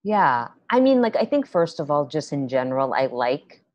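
A woman's voice: deep voice, big pitch swings, normal speed, a little mellow. A young woman, a playwright guest, chatting on a video call from home, with many fillers and restarts. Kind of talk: casual video-call interview. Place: small room at home. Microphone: laptop webcam on video call. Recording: dry, dull video-call audio.

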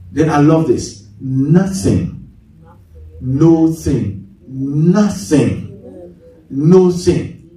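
High-voiced preacher in an echoey church. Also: male voice, mellow. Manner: call-and-response preaching, quizzing the congregation; repeats words for emphasis. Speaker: pastor. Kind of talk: sermon. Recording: very echoey church hall, mic at a distance.

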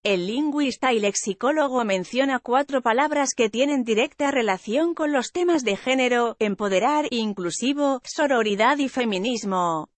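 A woman reading a news article aloud in an even, measured way, as a news voice-over. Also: a little high, dry recording. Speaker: news reader.

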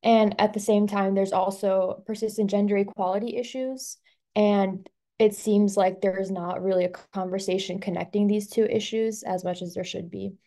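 Over a video call, a young Albanian student presents in a webinar, her medium-pitched voice dark in tone and fairly even in intonation at a moderate pace. Her speech is casual and packed with "um" and "like" fillers.

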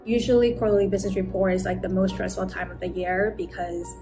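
A woman in her twenties from Taiwan, talking casually through her work day in a vlog, with a relaxed manner and frequent "like". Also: mid-range voice, fast talker. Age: 20s. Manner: relaxed, uses "like" often. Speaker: business analyst vlogger. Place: apartment home office, indoors. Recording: background music under voice.

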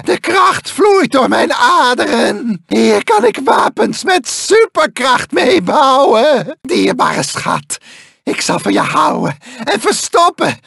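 N. Gin, shrieking cyborg mad scientist. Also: male voice, bright, forceful tone, no echo, clean studio sound, heavily acted. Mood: gleeful, manic. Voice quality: shrill, strained, gravelly. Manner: theatrical, volatile, swinging from muttering to shrieking. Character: manic, self-pitying little male mad-scientist cyborg villain. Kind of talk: cartoon video game voice acting.

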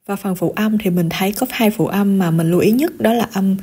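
A woman giving a pronunciation lesson, slowly drilling syllables one at a time and then explaining them plainly. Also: medium pitch, warm tone, slightly rough. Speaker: language teacher vlogger.

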